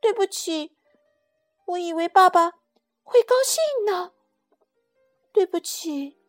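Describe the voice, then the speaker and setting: A woman's voice: takes it slowly, soft background music, heavily acted. Woman doing an eager baby dinosaur boy. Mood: apologetic. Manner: high, excited and pleading. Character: small trusting baby ankylosaur boy, clingy and eager. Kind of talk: children's storybook reading.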